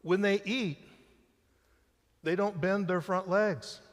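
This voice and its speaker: A middle-aged male senior pastor preaching a conversational sermon in a church sanctuary, picked up by the church sound system, his voice rising and then falling to a hush for emphasis. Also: high voice, steady tone, slow. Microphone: church sound system mic. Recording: live-stream with long church reverb.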